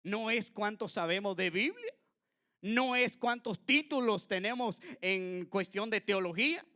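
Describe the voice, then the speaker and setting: Bright-voiced preaching man. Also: lively intonation, a little slow. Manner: earnest preaching with frequent asides to the listener; swings between loud high exclamations and low quiet passages. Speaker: pastor. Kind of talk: sermon.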